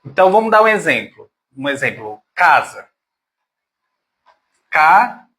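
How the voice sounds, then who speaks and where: A man's voice: on the high side, big pitch swings, a little fast, bright, forceful tone. A man teaching a grammar lesson to his pupils, patient and affectionate, sounding words out syllable by syllable.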